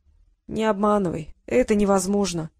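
A woman reading the part of an anxious, secretive young brother in an audiobook, speaking slowly and hesitantly. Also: medium pitch, fairly even intonation, a little mellow, no room sound, clean studio sound, natural voice. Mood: urgent.

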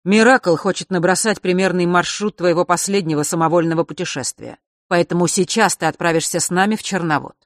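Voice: medium pitch, fairly quick, no echo, clean studio sound, close to an everyday voice. An audiobook reader voicing a stern, middle-aged father who speaks with authority and gives orders. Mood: commanding.

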